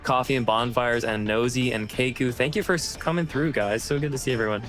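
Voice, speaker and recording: A man hosting a casual live stream, upbeat and shouting out viewers in chat as he talks. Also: mid-range voice, fairly quick, faint music behind. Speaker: streamer hosting a tier list.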